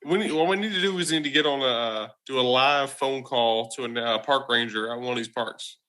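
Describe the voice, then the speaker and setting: A man's voice: mid-range voice, brisk, sharp tone. A man co-hosting a podcast, joining in the banter with casual jokes. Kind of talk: casual chat.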